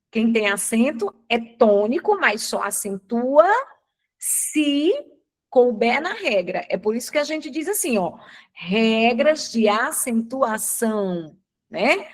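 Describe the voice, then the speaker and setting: A woman teacher from Brazil giving a live online grammar lesson, asking questions and answering them herself. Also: fairly high pitch. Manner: didactic, asks and answers her own questions.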